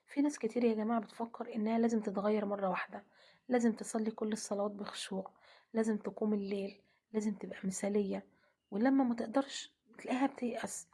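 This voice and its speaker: A woman with an Egyptian accent giving a gentle devotional talk, often dropping to a half-whisper. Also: medium pitch, steady tone, fast talker, breathy edge. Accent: Egyptian Arabic. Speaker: religious speaker.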